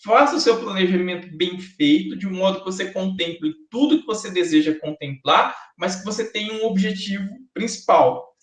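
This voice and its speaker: A man with a high voice and a Brazilian Portuguese accent lectures a university class at normal speed with few pauses, chatting and joking with his students. The classroom recording is echoey.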